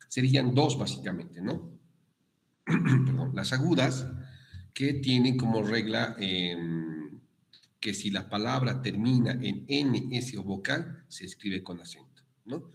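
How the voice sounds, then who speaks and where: A man with a Bolivian Spanish accent giving a university prep lesson on written accents, explaining slowly with frequent fillers and self-corrections. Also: fairly low pitch. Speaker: guest lecturer.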